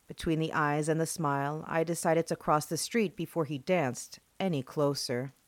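A woman's voice: low voice, no echo. A woman narrating scripted scary stories as a horror host, in a theatrical, ominous storytelling manner.

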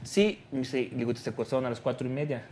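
A man's voice: mid-range voice, steady tone, fast talker, darkish tone. A Mexican man, a talk show guest, telling a story with slang and acting out the lines of the people in it. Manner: acts out quoted dialogue, slangy and joking.

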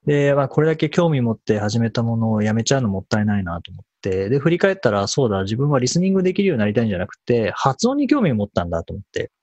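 A man talking casually in an interview about how he learned pronunciation, in a relaxed, storytelling way. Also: medium pitch, racing, hardly any pauses, no room sound, lo-fi sound. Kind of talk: conversational interview.

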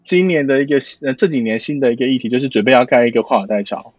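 A man from Matsu with a Taiwanese Mandarin accent, explaining things casually in a halting way with repeated words. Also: mid-range voice, heavy background noise. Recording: dull lo-fi sound, dry.

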